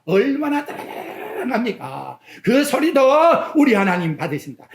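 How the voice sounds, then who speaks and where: Animated preacher in an echoey church. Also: mid-range voice. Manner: animated preaching with rhetorical questions to the congregation; swings between loud exclamations and quiet asides. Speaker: pastor. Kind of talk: sermon. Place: church sanctuary.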